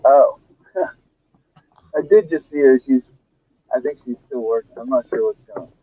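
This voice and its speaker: A man's voice: mid-range voice, moderate pace. A man calling in on his phone from outdoors, chatting casually as co-host while his audio crackles and drops out. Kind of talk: casual chat. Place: outdoors outside a casino. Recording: tinny, choppy phone line, dry.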